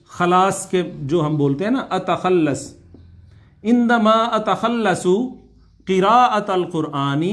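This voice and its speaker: Guy teaching arabic, high voice, says each word slow and again and again. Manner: slow, repeats Arabic words many times for drilling; explains in Urdu, asks students to repeat aloud. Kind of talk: online class lecture.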